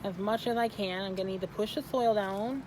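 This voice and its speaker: An eighteen-year-old from Michigan hosting a casual how-to vlog, often halting and correcting themselves mid-sentence. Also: medium pitch, background noise. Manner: halting, self-correcting, trailing off. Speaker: plant arrangement seller and video host.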